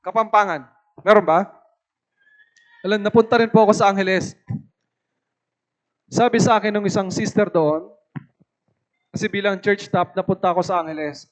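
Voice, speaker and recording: A man from the Philippines preaching at a youth camp as an evangelist, lively and often asking his listeners for agreement. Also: high voice, normal speed, long pauses. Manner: lively, asks the audience "tama po ba" often.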